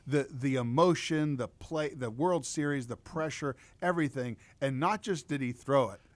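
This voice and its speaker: Animated man on a dry mic. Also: mid-range voice, normal speed, no room sound. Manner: animated, enthusiastic storyteller. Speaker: podcast guest, state legislator. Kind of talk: casual podcast chat.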